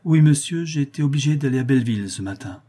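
A man's voice: mid-range voice, lively intonation, fast, mellow, close to an everyday voice. A man voicing a frightened young clerk who pleads and stammers before his employer. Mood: pleading.

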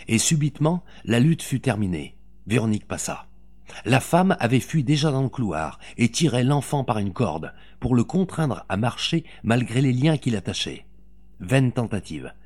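A man reading a novel aloud as an audiobook narrator, with dramatic, expressive delivery. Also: mid-range voice.

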